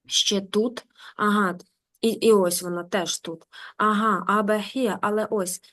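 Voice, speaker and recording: A woman teaching German online. She reads a story aloud slowly and translates it with quick explanatory asides. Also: medium pitch, steady tone, a bit bright.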